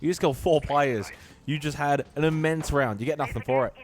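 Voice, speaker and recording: A man giving live esports play-by-play commentary, emphatic and excitable in delivery. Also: fairly high pitch, fairly quick. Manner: excitable, emphatic calls in big moments.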